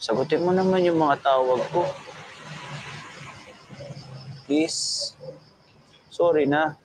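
Man acting a heartbroken young Filipino boyfriend, highish voice. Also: unhurried, close to an everyday voice. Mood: apologetic, pleading. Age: young adult. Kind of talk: naturalistic film drama. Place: open-air bar at night. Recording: noisy outdoor night ambience.

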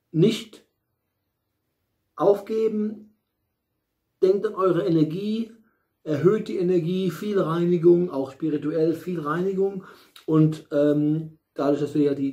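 A man's voice: fairly high pitch, mellow. A middle-aged man giving a casual tarot reading at home, rambling with many fillers and restarts and the odd blunt aside. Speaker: tarot reader. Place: small room at home, in front of a bright window.

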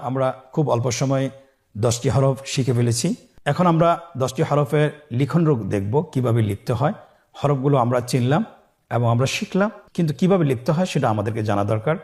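In a recorded Quran lesson, a Bangladeshi man teaches with patience, drawing out every letter name long and loud so listeners can repeat after him. His voice sits at a medium pitch.

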